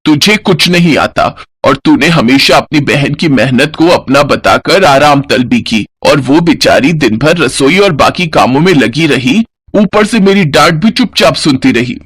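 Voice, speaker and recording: A man's voice: fairly high pitch, lively intonation, unhurried, a bit bright, breathy edge, no room sound, voice pushed down, heavily acted. A man voicing a stern middle-aged mother-in-law in a storybook cartoon. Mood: scolding. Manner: scolding, firm.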